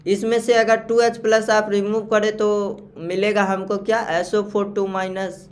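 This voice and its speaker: Male chemistry teacher, slow and repetitive. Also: high-pitched, level tone. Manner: repeats key terms slowly, checks understanding with questions. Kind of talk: classroom lecture on naming salts.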